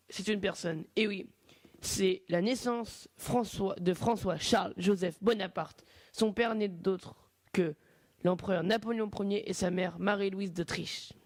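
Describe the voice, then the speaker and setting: A man's voice: high voice, dry recording. A young man with a French accent hosting a casual amateur radio show, chatty and informal, often correcting himself mid-sentence. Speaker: radio host.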